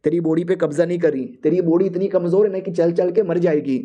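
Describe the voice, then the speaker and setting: A man's voice: high-pitched, steady tone, fast talker, mellow, muffled recording, lightly acted. A man voicing a bossy, bold female spirit who lives in a sword, talking in a brash, teasing, slangy way.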